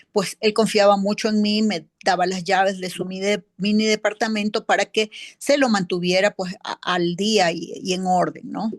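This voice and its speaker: A woman's voice: medium pitch, natural voice. A woman playing a witness in a mock trial, a neighbor and accountant who answers in a rambling way full of fillers and tag questions. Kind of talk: courtroom role-play, answering questions.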